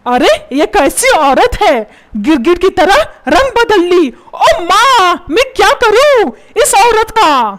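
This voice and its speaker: A woman's voice: very high voice, big pitch swings, takes it slowly, a little hiss or hum, heavily acted. A woman voicing a put-upon cartoon father who grumbles and complains about being treated like a servant. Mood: grumbling.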